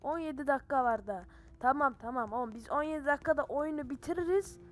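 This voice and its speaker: High-voiced jumpy horror game streamer. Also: female voice, quick pace. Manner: excitable and jumpy, cursing and yelling in fright; slangy banter with viewers. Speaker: gaming channel host. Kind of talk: horror game let's-play commentary.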